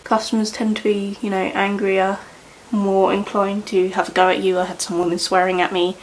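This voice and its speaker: A beauty vlogger chats casually while doing her makeup indoors at home, rambling along with plenty of "like" and "you know." Her medium-pitched voice is flat and moderately paced. The low-quality recording carries a bit of hiss or hum.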